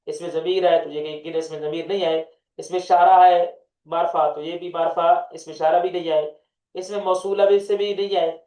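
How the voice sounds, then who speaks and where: A man's voice: a little high, flat delivery, mellow. A male grammar teacher giving an online lecture, posing questions to the class and answering them himself. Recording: echoey, distant, dull lo-fi room sound.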